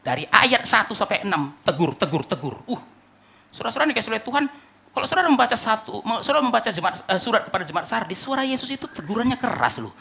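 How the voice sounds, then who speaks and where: A male pastor preaching a sermon emphatically, rising to loud climaxes and dropping to low asides. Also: very animated, quick pace, vocal fry. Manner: repeats "saudara yang dikasihi oleh Tuhan" as a refrain.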